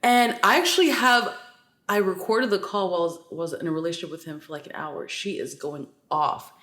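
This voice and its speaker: A woman co-hosting a podcast, telling stories in casual, animated chat with lots of filler words. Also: lowish voice, brisk. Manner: chatty, animated storytelling with many "like" fillers. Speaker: podcast co-host. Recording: roomy echo.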